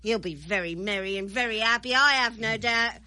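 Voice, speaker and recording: A woman's voice: a little high, a little fast, bright, forceful tone. An actress playing a tart, indignant working-class Victorian mother in an emphatic old radio drama style. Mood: indignant, sarcastic.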